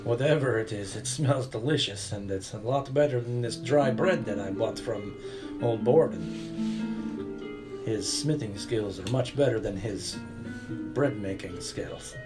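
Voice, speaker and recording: A man's voice: fairly low pitch, unhurried. Guy at a tabletop game, chatty, music playing. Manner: chatty, speaks in character. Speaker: player. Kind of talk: casual tabletop play.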